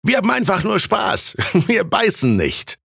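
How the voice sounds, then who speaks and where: An eager young student , as a male storyteller puts him on, talks with a raised, animated voice that swings widely. The tone is raspy with a gravelly edge, close and dry. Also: sits high, a little slow, no echo, faint music behind, voice pushed up, heavily acted. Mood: lively.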